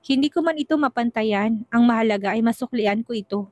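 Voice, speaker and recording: Dry, high-voiced woman narrator. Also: a little fast, darkish tone, no echo. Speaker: storyteller. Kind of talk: first-person romance narration.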